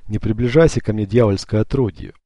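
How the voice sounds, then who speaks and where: A man voicing a hoarse, cowardly old nobleman. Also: fairly low pitch, brisk, mellow, no echo, clean studio sound. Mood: defiant. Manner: hoarse, pleading. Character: terrified old male nobleman, cowardly and dying.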